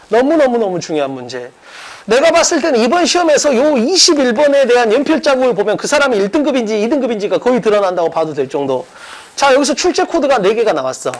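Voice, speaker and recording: A medium-pitched voice on a poor recording with a slight hiss or hum. It's an English exam-prep teacher who also directs an academy, walking students through a mock exam in a casual, emphatic way. He hammers points home with repetition and rhetorical questions, speaking informally to the class.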